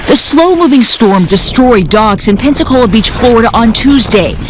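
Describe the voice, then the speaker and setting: A woman's voice: fairly high pitch, animated, moderate pace, noisy background. A woman reporter reading a scripted news package as a voice-over.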